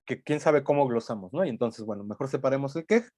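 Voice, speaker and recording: A man's voice: medium pitch, lively intonation, quick pace, warm tone, no echo. A man teaching a language class, explaining step by step and thinking aloud, often checking in with tag questions. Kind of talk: recorded lecture.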